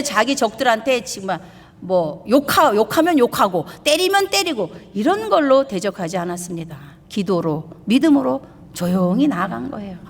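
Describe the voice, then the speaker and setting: Woman pastor preaching in a reverberant church. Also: mid-range voice. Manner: emphatic, with rhetorical questions to the congregation. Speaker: pastor and missionary. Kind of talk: sermon. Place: church sanctuary. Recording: long reverb of a church hall.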